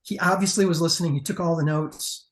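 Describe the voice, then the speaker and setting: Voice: mid-range voice, steady tone, fast talker. A competition judge giving a casual panel critique in an emphatic, profane, conversational way.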